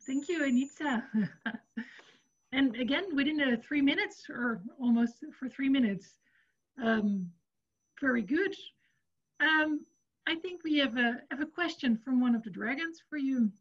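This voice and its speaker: A woman moderating an online pitch session, friendly with hesitant fillers. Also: unhurried, slightly rough. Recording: dull, lo-fi call audio.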